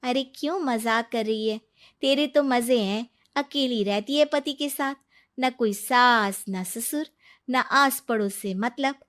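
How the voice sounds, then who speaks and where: A woman's voice: a little high, takes it slowly. A woman voicing a cheerful young wife who teases and advises her friend in a cartoon story. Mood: teasing. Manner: teasing, lively. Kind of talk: cartoon voice acting.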